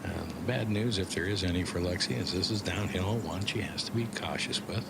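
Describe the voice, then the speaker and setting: Very low-voiced male golf commentator, noisy outdoors. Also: a little fast, creaky. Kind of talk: golf commentary, conversational shot-by-shot description. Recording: loud outdoor ambient noise behind the voice.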